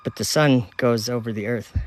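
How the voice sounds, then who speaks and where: A man's voice: mid-range voice, moderate pace. Casual man reading out livestream comments. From Minnesota, United States. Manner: relaxed, reads viewer locations aloud in a chatty running list. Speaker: livestream host. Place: outdoors at night with a telescope, north of Minneapolis.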